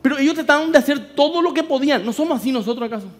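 A man with a Paraguayan Spanish accent, a pastor preaching a sermon with animated storytelling and acted-out voices. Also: very high voice, racing, big-room sound, faint music behind.

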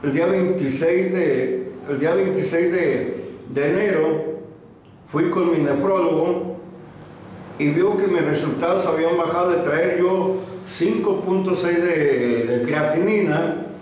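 A man in his sixties speaks haltingly, stopping and restarting his sentences. His voice sits at an ordinary pitch, and it rings through a very echoey small office with a faint hiss of background noise. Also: darkish tone. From Mexico. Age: 60s. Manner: hesitant, many fillers and restarts. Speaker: patient giving a testimonial. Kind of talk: interview. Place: small medical office, indoors.

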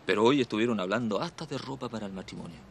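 A man's voice: fairly low pitch, racing, vocal fry, slight background noise. An actor playing a nosy male house servant in a telenovela, speaking in a chuckling, insinuating way. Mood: sly. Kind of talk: telenovela acting.

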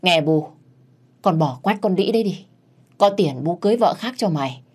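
A woman voicing a scheming old village mother-in-law who wails and scolds in a shrill voice. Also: expressive, moderate pace, a little mellow, husky. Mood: coaxing.

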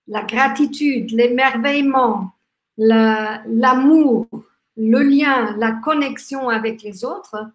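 An Austrian woman with a high-pitched voice speaks slowly and reflectively in an Austrian German accent, German being her first language. As a workshop host giving a live online talk on gratitude, she is gentle and halting, with many restarts and fillers, and gestures lively with her hands. She's in a small indoor room, and the recording sounds echoey.

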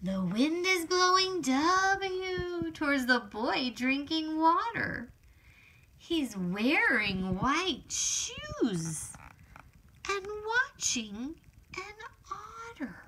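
Sing-song and exclamatory, an author reads her own picture book for small children in a high, bright voice, very slowly and deliberately. Faint noise can be heard behind her.

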